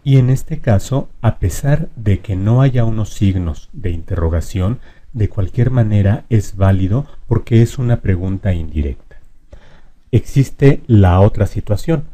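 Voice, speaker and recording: In this grammar lesson, the male teacher lays out the rules clearly in a dark, lowish voice. His example sentences are read out at a slow, deliberate pace.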